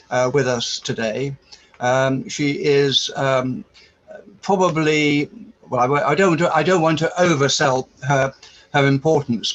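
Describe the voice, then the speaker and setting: A man with a fairly high voice hosts a meeting on a video call. He introduces a speaker formally and courteously, halting often and repeating words as he goes. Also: fairly bright tone, dull audio. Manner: hesitant, courteous, halting with many repetitions.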